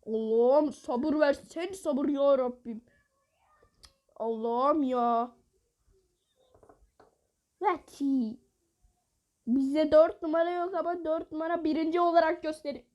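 A woman giving live gameplay commentary, excitable, bursting into exasperated outbursts and taunting opponents while talking to her viewers. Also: high-pitched, slow pace, pauses often. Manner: addresses viewers directly. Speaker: mobile game player.

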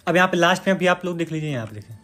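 Fast, high-voiced man teaching. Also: expressive, fairly bright tone, a little hiss or hum. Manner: chatty, repeats "dekhiye doston" and "bhai". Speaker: tutorial host. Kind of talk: screen-recorded app tutorial.

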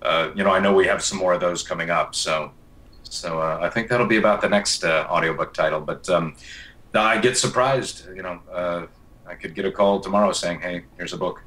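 A man who narrates audiobooks, chatting as a guest in a relaxed way with many fillers and restarts. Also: deep voice, brisk, far from the mic, low-quality recording. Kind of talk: casual interview chat.

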